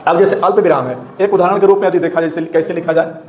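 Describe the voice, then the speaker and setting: A man's voice: sits high, very fast, darkish tone, echoey room, a little hiss or hum. A man teaching Hindi grammar to students, explaining step by step and often checking whether they have understood.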